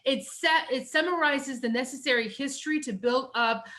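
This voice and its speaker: A middle-aged woman, teaching a recorded lecture on essay writing. Her voice sits a bit high and sounds bright and forceful. She talks in a chatty way, with many fillers and "you know"s. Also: moderate pace.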